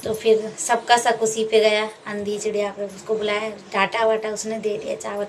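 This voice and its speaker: A woman's voice: mid-range voice, little pitch movement, moderate pace. A woman telling a folk tale in a homely, conversational way, acting out the lines of the people and animals in it. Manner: homely, conversational retelling with acted dialogue. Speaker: storyteller. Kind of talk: casual folk tale narration. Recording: distant mic with faint background noise.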